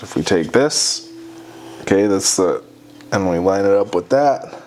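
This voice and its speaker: Low-voiced man thinking aloud through a tutorial. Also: lively intonation, darkish tone, a little hiss or hum. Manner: halting, thinking aloud while working. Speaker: host of a hunting and craft how-to show. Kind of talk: casual hands-on tutorial narration.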